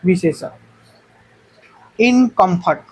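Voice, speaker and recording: A woman's voice: lowish voice, animated, slow pace, darkish tone, slightly rough, rough recording. Coaxing teacher woman with a Chhattisgarhi accent. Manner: coaxing, keeps prompting students to answer. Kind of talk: online exam-prep class.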